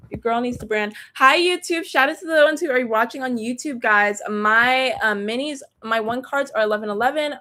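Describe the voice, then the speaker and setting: Young woman, slight Southern accent, slangy livestream chat, bit high voice. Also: pushed and bright. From Texas. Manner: chatty, slangy, addresses viewers directly. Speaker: tarot reader livestreaming. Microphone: phone or laptop mic.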